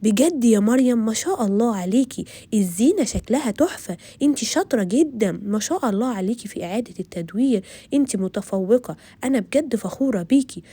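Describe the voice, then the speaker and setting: A woman's voice: on the high side, expressive, quick pace, mellow, breathy edge, no room sound. A woman with an Egyptian accent voicing a loving, praising mother. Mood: proud.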